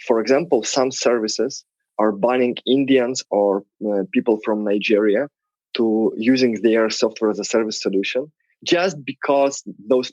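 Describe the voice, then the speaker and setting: A man's voice: mid-range voice, a little mellow, no room sound, muffled recording. A man with a Lithuanian accent and non-native English phrasing, explaining things conversationally as an interview guest. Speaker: podcast guest, tech project representative.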